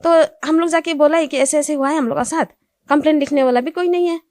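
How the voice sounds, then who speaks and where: A young woman tells her account in simple, repetitive Hindi, her voice set high. She grows agitated and insistent. The sound is dry and close. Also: steady tone, fast talker, a little mellow, no room sound. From Assam. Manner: speaks Hindi with non-standard grammar, repeats "ऐसे बोला". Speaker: complainant interviewed. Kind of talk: recounting events to reporters.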